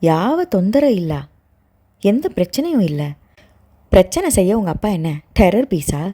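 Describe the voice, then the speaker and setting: Calm young man from an audio novel, reassuring and teasing, voiced by a woman narrator; mellow, lively delivery. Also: medium pitch, unhurried, slightly rough.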